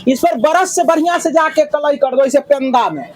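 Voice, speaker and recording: A male teacher, leading a classroom lesson and drilling his pupils with loud, repeated questions. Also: very high voice, normal speed, crowd noise, background noise. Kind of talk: classroom lesson with call-and-response.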